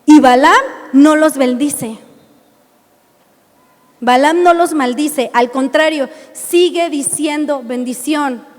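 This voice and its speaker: Mexican woman preacher, high voice, emphatic, rhetorical questions, reverberant church hall. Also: slow pace, pauses often. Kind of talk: sermon.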